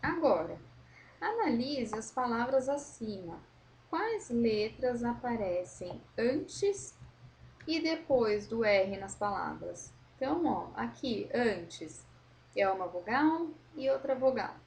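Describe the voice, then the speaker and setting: A woman teacher, likely in her thirties, walks young pupils through a worksheet. She drags out each example word slowly and patiently, in a voice that sits a little high. A faint hiss hangs under the recording. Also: big pitch swings, vocal fry, a little mellow. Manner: slow, drawn-out modelling of words, patient explaining. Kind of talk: correcting a school worksheet for children.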